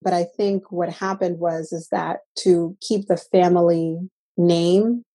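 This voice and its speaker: A woman's voice: lowish voice, fairly even intonation, takes it slowly, mellow. A woman from the Dominican Republic sharing her story as a guest in an interview, earnest and reflective, often repeating and restarting her words. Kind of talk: personal interview.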